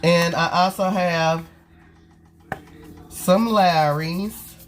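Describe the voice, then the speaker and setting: A woman hosts her cooking vlog from a home kitchen, her voice nasal and congested from a cold. She talks at an unhurried, slow pace and chats straight to her viewers while she works. A faint hum of room noise sits behind her. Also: on the low side. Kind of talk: casual cooking chat.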